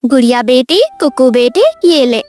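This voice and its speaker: Warm-hearted mother sparrow for a cartoon, played by a woman; affectionate, gently firm, bright high voice. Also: moderate pace, soft background music, natural voice. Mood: tender. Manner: affectionate, instructing.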